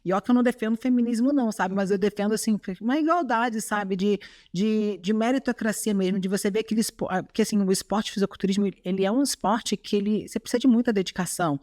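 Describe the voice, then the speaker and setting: Mulher falando com sotaque brasileiro. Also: female voice, mid-range voice, fast, darkish tone, no echo, clean studio sound. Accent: Brazilian Portuguese. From Chile. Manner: earnest, tags remarks with "sabe?". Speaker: guest, bodybuilding athlete. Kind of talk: podcast interview, casual chat.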